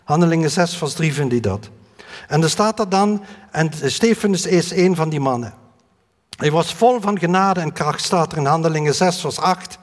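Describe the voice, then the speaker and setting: A man with a high voice preaches earnestly, often stumbling and restarting mid-sentence. His words ring out with a long reverb, as if in a church hall. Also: expressive. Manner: earnest, halting with many fillers and restarts. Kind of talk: sermon.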